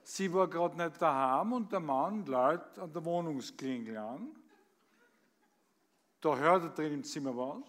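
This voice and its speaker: A man with an Austrian accent recites comic verse on stage, his voice high and bright. He takes his time, leaning theatrically on each line. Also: expressive, measured pace. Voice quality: theatrical, emphatic delivery. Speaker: actor reading on stage.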